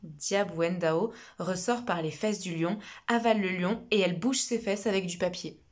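A woman telling a children's story in an expressive storytelling voice. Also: fairly low pitch, moderate pace.

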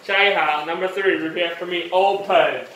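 A man's voice: sits high, steady tone, moderate pace, fairly bright tone. A man teaching English phonics, repeating each sound twice and scolding lapses in attention. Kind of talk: one-on-one phonics drill. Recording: very echoey room, voice far from mic, faint noise.

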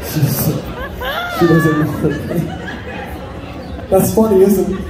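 A man's voice: high-pitched, takes it slowly, heavy background noise. A man in his thirties working as a stage hypnotist, giving volunteers repetitive, suggestive commands over a PA in a live show. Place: covered open-sided fairground stage. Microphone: handheld mic through PA speakers. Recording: echoey PA filmed from the audience. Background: loud music and crowd chatter.

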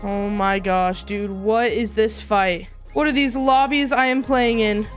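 A woman giving excited gameplay commentary in a hyped, slangy gamer-bro manner. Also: medium pitch, a little slow, faint music behind. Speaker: gamer, video host.

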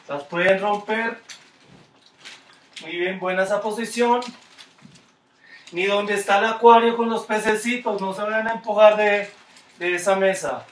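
A man's voice: sits high, fairly bright tone, reverberant, recorded from a distance. Encouraging Colombian skating coach, man. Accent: Colombian Spanish. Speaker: skating instructor. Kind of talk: online kids' class.

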